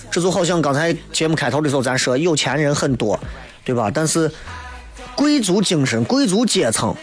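A man with a rather high voice and a Shaanxi accent hosts a talk show. He speaks in loose, colloquial commentary, pushing his opinions and checking in with rhetorical tag questions. Faint music sits behind his voice.

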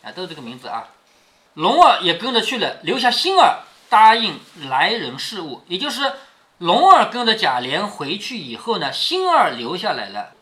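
Father reading a classic aloud to his kid; bright, very lively delivery, chatty asides, keeps checking in. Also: sits high, normal speed. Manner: chatty, often checks in with the listener. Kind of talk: read-aloud storytelling with explanations.

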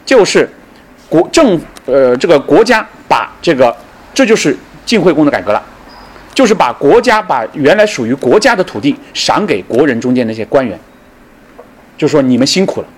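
Speaking at a normal pace, a middle-aged man gives a spirited public lecture on history, impersonating the people involved and posing questions to the crowd. His pitch is fairly high and his voice slightly rough.

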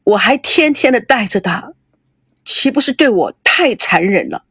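A woman voicing a heartbroken young woman who speaks low and sorrowfully. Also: animated, unhurried, fairly bright tone, husky, no echo, studio quality, exaggerated voice.

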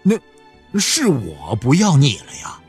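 A man's voice: mid-range voice, huge pitch swings, a little slow, darkish tone, breathy edge, soft background music, full character voice. A man reading a novel aloud and voicing a blunt, conflicted farmer who stammers. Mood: pleading. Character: middle-aged farmer man, blunt, torn over divorce.

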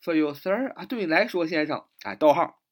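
Guy teaching english phrases, kinda high voice, bouncy, repeats stuff slow. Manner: explains in Mandarin, repeats English phrases slowly; lively, chatty, asks "是吧" often. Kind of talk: spoken English lesson in Mandarin.

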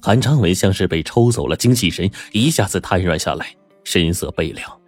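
A man narrating a scripted story in a lively, dramatic way. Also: deep voice, normal speed, soft background music.

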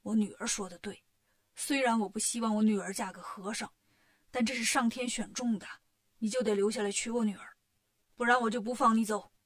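A stern, unbending king, as a woman storyteller puts him on, giving orders in a firm, somewhat lowered voice. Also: fairly even intonation, a little fast, natural voice.

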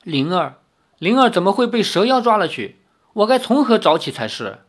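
A brash young swordsman talks in quick, lively bursts, as an audiobook reader puts him on. He is blunt and hot-headed, flipping between complaint and pleading. The voice rises and falls with animated energy across a storybook reading. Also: medium pitch, pitched above the performer's own voice. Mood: anxious.

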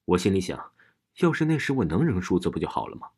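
Husky low-voiced man telling a ghost story. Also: very animated, fast talker. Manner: dramatic, swings from hushed to shouting. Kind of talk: first-person horror storytelling.

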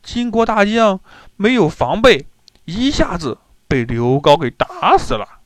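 A man narrating a storybook tale in an animated, expressive way. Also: high voice, unhurried, dry recording.

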